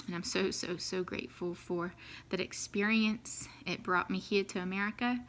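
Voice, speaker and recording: A woman's voice: medium pitch, fairly even intonation, moderate pace, fairly bright tone, a little hiss or hum. A New Zealand woman in her thirties telling her life story casually to the camera, with many ums and easy laughs.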